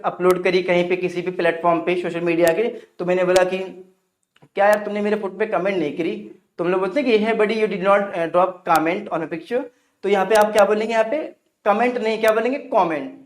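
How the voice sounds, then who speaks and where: A man's voice: high-pitched, fairly even intonation, brisk, roomy sound. A Hindi-speaking man with an Indian English accent teaching English pronunciation, asking questions and answering them himself. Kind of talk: online English pronunciation lesson.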